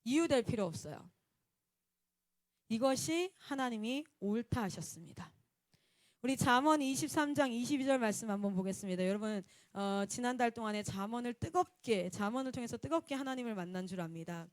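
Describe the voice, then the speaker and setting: A woman missionary, preaching a Sunday sermon and telling personal stories in a lively way. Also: on the high side, a little fast, no room sound, clean studio sound. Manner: animated, acts out quotes and laughs often.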